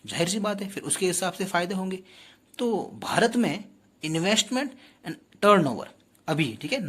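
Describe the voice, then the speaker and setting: Male tutor with a slightly husky voice, explaining patiently and quizzing the class. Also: fairly high pitch. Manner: explanatory, addresses students directly with rhetorical questions. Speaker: teacher. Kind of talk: exam-prep lecture.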